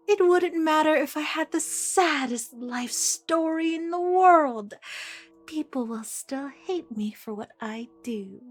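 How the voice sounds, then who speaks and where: A deranged female asylum villain for an audio roleplay. The voice is fairly high and very unhurried, with a husky, breathy edge. The delivery is playful yet menacing, theatrical and taunting. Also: exaggerated voice. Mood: bitter, taunting. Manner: taunting, theatrical, slipping between whispers and outbursts. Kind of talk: ASMR audio roleplay acting.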